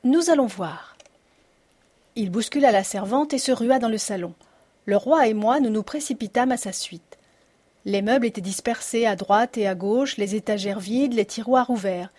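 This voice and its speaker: A woman narrating a detective story audiobook in a steady storytelling manner. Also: medium pitch, moderate pace.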